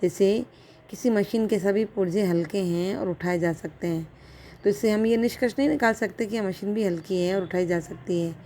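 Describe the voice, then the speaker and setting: Mellow-voiced woman giving a college lecture. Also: mid-range voice, normal speed, slight background noise. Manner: explains step by step with examples, checks with "theek hai". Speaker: philosophy lecturer.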